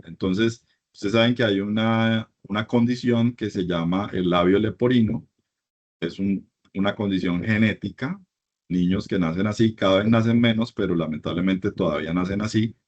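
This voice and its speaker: A middle-aged man lecturing a university class in a very low, deep voice. He explains things in an easygoing, conversational way. The recording sounds dull and lo-fi.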